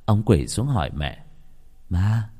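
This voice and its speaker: A man narrating a scripted horror story, dramatic and expressive. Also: fairly low pitch, normal speed. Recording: long hall reverb.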